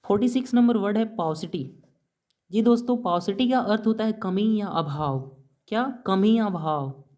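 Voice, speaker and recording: A man speaking at a moderate pace in a high-pitched, slightly mellow voice teaches exam-prep vocabulary as an English teacher. He questions the class and then answers himself, and the English words he mixes in get spelled out letter by letter.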